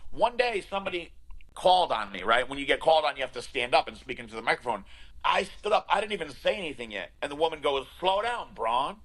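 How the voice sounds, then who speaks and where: A man who is a podcast guest, telling a personal story in a casual, animated, candid way with frequent restarts. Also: fairly high pitch, fast talker, poor audio.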